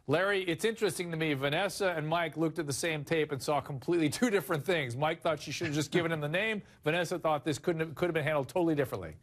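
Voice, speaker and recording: A man's voice: fairly high pitch, quick pace, hardly any pauses. A man moderating a panel discussion as talk show host, putting probing questions to his guests.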